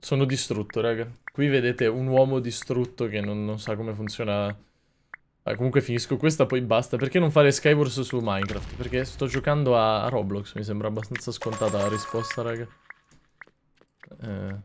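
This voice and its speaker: A young man commenting on a video game as a streamer, swearing a lot, mocking himself and bursting into loud yells. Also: medium pitch, fairly even intonation, normal speed, slight background noise. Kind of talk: gaming commentary.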